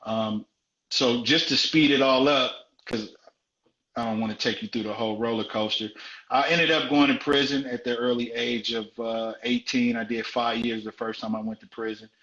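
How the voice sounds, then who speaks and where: Speaking at a normal speed in a steady, medium-pitched and slightly bright voice, this forties-aged man from South Central Los Angeles recounts his life openly in a live interview. He leans on repeated phrases for emphasis over dull, roomy live-stream sound.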